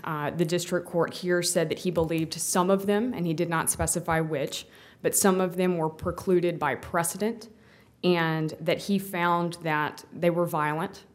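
Woman lawyer arguing in appeals court, lowish voice, formal and careful. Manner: formal, careful legal argument addressing judges. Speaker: defense attorney. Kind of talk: appellate oral argument.

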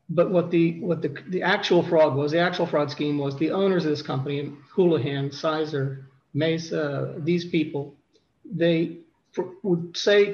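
Man lawyer arguing in court, gravelly voice, stumbles and repeats words, slightly muffled audio. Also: on the high side. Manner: halting, conversational, repeats words. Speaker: defense attorney. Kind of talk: courtroom oral argument.

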